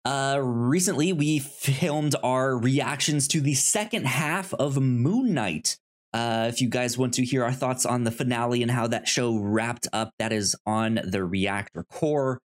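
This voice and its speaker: Casually chatting about movies and show news, a podcast host speaks unhurriedly at medium pitch. His style is easygoing, though he tends to stammer and repeat syllables.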